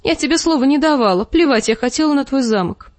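A shrill, high-pitched noblewoman, as a woman reader puts her on, screeching her jealousy through tears. Her voice sits high and sounds dry and close, with no room around it. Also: lively intonation, fast, a little mellow, no echo. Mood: shrill hysterical.

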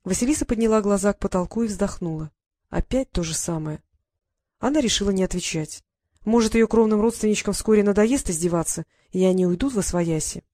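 Expressive woman narrating a story. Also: mid-range voice, fairly quick, dry recording, clean studio sound. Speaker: audiobook narrator. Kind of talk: scripted narration.

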